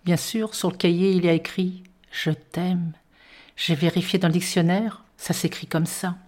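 A woman reading a children's story aloud in a playful, expressive way, narrating as a young boy in the first person. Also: lowish voice, brisk.

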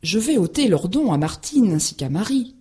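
A woman's voice: medium pitch, big pitch swings, normal speed, warm tone, slightly rough. A woman voicing a male storybook enchanter in a blue cloak, decisive and matter-of-fact.

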